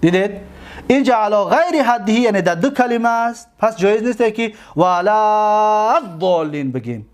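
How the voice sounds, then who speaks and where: A man with a Tajik accent teaching a seminary lesson on Arabic grammar, repeating his points patiently and drawing out each example word slowly. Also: high-pitched, lively intonation.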